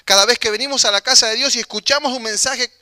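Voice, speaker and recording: A man with a Rioplatense Spanish accent preaching a sermon, animated and acting out the voices of people in the story. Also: very high-pitched, fast talker, dry recording. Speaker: pastor.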